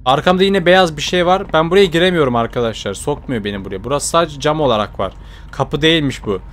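A young man giving chatty horror game commentary, talking to his viewers, jumping from low mutters to startled shouts. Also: lively intonation, quick pace. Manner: chatty, addresses viewers directly. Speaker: gaming YouTuber.

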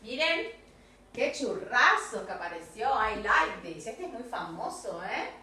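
A woman English teacher with a Rioplatense Spanish accent, giving a recorded video lesson to children, lively and coaxing, modelling English phrases slowly. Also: a little high, a little hiss or hum. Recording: echoey room, voice far from the mic.

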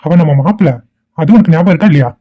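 A man voicing an easygoing middle-aged father who teases his wife and lectures her calmly. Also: fairly high pitch, rapid-fire, dull audio, lightly acted. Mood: teasing. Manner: calm, teasing, lecturing.

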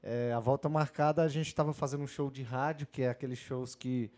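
A man's voice: medium pitch, steady tone, a little fast, darkish tone. A man, a singer, chatting casually as a guest and telling anecdotes. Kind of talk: casual chat.

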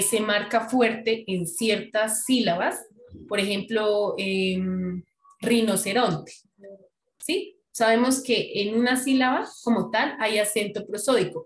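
A woman's voice: on the high side, roomy sound, a little hiss or hum. A woman teaching a French class online, explaining patiently and often checking that students follow. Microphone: computer mic on video call.

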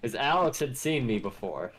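A man's voice: mid-range voice, big pitch swings, a little fast, fairly bright tone, a little hiss or hum. Easygoing young man on voice chat. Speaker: gamer on voice chat. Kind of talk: casual gaming chat.

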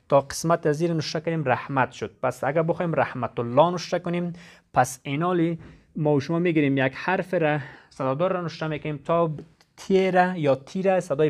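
A man gives a classroom lesson. His voice sits slightly high, and he explains each step slowly and patiently, repeating his points. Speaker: teacher.

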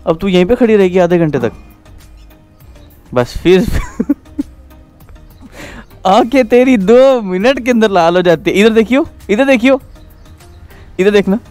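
Teasing high-voiced young man vlogging outdoors. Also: lively intonation, measured pace, pauses often, darkish tone, faint music behind. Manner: teasing, laughs often. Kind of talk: casual vlog chat. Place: outdoors in a park. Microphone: action camera.

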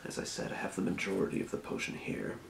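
In an ASMR role play, a man plays a helpful, quietly businesslike potion shopkeeper from an old-world fantasy setting, murmuring and muttering to himself in an unhurried, breathy whisper as he calmly explains things. He's indoors at a desk in a small room; the sound is roomy with a little hiss or hum, and the voice stays close to an everyday one.

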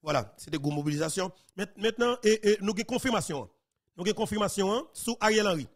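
A male news host speaks live in a high voice, commenting excitably. He stresses points and repeats words as he goes. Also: quick pace. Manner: excitable, repetitive, emphatic.

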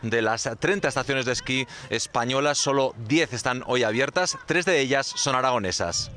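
A man in his thirties reporting live outdoors at a ski resort with a handheld mic, in a brisk, informative manner. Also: mid-range voice, bright, forceful tone. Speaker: field reporter.

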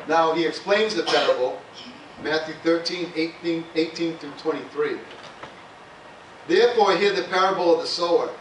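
A man's voice: fairly high pitch, fairly bright tone. A male pastor giving a conversational sermon, often adding "amen" and "hallelujah" between points. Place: church sanctuary. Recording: echoey church room, voice from far off, faint hiss.

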